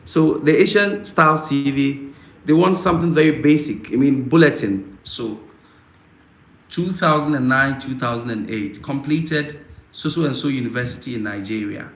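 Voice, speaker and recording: A man from Africa hosting a casual live Q&A, answering viewer questions in a halting way with frequent fillers and repetitions. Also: mid-range voice, a bit bright. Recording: roomy echo, faint background noise.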